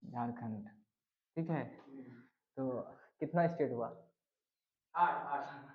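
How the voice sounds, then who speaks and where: Man, teacher, slow deliberate delivery, quizzing and repeating, lo-fi sound. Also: mid-range voice. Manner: quizzing, repeats answers, drawn-out questions. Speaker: general knowledge teacher. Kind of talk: classroom lesson with memory tricks. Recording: dull lo-fi recording.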